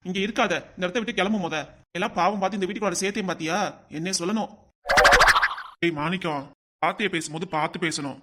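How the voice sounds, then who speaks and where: A man's voice: high voice, fairly even intonation, fast talker, pauses often, very noisy, natural voice. A man voicing a stern older village father-in-law in a cartoon, scolding and lecturing his family.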